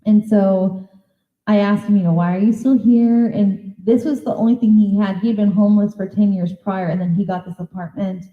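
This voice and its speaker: A woman giving a talk as a psychic medium, telling stories in a lively way and acting out the conversations. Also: medium pitch, normal speed. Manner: lively storyteller who acts out conversations. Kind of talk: anecdotal storytelling presentation. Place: convention presentation room. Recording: echoey hall, thin phone-like sound.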